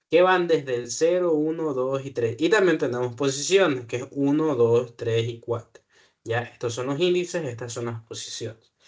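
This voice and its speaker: A man walks a student through code in a live lesson. He talks aloud as he works, corrects himself mid-sentence and keeps pausing to ask if things are clear. His voice sits at an ordinary middle pitch. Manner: patient, checks understanding with frequent "¿ya?"; self-correcting, thinks aloud with fillers. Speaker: programming tutor. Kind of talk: live one-on-one coding lesson.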